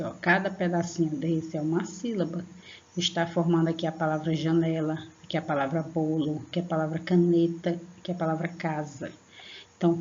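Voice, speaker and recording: A woman teaching young children in an online lesson, patient and slow, stretching out example words and checking in often. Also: on the low side, a little mellow, highs cut off. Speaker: primary school teacher.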